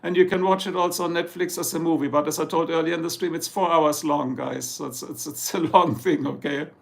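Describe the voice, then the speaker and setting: This gravelly, high-sided voice belongs to a German-born man with a German accent who is livestreaming from home in Ohio, US. He talks briskly with fairly even intonation, reading viewer comments, rambling, cracking jokes, and switching into German now and then.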